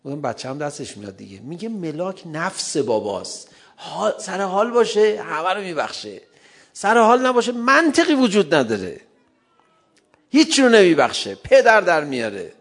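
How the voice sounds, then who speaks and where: A man's voice: high voice, very animated, a bit bright. A middle-aged man giving a humorous lecture to an audience, often laughing and acting out short dialogues. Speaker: speaker addressing an audience on parenting. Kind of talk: lively lecture.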